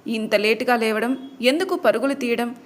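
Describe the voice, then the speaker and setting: A nagging middle-aged mother from an audio story, put on by a female narrator. She scolds loudly and fusses over the clock. The voice sits a little high. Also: moderate pace, lightly acted. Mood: scolding.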